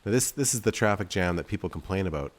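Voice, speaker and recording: Animated and quick, this low male voice belongs to a game developer hosting a video of his own game. He rambles through casual commentary, thinking aloud in a self-deprecating way.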